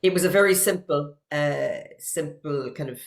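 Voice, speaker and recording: A woman's voice: low-pitched, normal speed, reverberant. An Irish woman, a guest on an interview over a video call, talking casually and stumbling through many false starts and repeated words. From Ireland. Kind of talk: casual chat.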